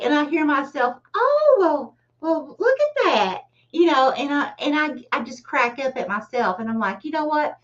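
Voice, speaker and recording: A woman's voice: sits high, a bit bright. A middle-aged woman giving a casual livestream tarot reading, chatty and often laughing at herself. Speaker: tarot reader. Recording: distant, slightly dull mic.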